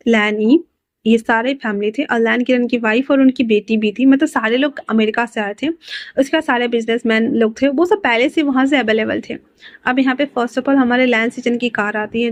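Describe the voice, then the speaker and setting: A woman's voice: on the high side, no room sound. Chatty woman narrating a story, dry close mic. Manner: chatty, breaks in with own excited asides. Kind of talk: casual fan-fiction narration with character lines.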